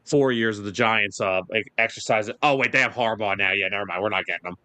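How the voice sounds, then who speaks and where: A man's voice: fairly low pitch, fast, sharp tone, dry recording. A man hosting a casual sports talk radio show, joking and rambling through his takes and sign-off.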